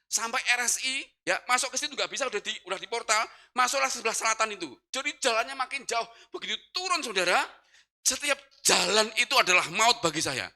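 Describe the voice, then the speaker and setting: A middle-aged man, preaching a sermon and telling a personal testimony in a lively, dramatic way. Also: very high-pitched, fast talker. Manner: animated storytelling, acting out gasps and cries. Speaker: pastor.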